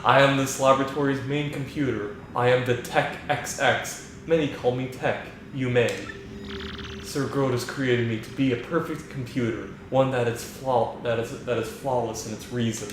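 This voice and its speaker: A man doing a flat monotone lab computer. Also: mid-range voice, moderate pace, very echoey, noisy background, natural voice. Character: monotone male lab computer, stiff and smitten. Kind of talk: reading game dialogue aloud.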